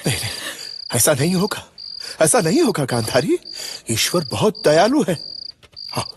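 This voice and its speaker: A man's voice: a little high, huge pitch swings, moderate pace, noisy background. A worried, reassuring king. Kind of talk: television mythological drama. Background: background music.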